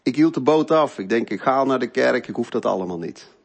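A middle-aged man telling an earnest, emotional personal faith testimony, moving between loud stretches and hushed ones. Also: mid-range voice, expressive, a little fast, creaky, slightly rough. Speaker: speaker giving a faith testimony.

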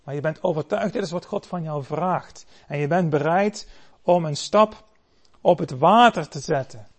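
A man preaching a sermon, telling stories dramatically and swelling loud for the cries he quotes. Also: on the high side, normal speed.

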